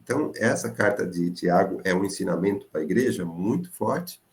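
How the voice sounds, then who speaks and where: A man's voice: low-pitched, expressive, normal speed. A man with a Brazilian accent leading a church Bible study discussion, rising emphatically when he exhorts. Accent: Brazilian Portuguese.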